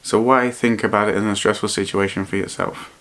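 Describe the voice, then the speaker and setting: A man vlogging in a reflective, personal way, speaking earnestly and haltingly and often repeating his phrases. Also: fairly low pitch, fairly even intonation, a bit bright. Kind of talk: personal vlog to camera, reflective talk.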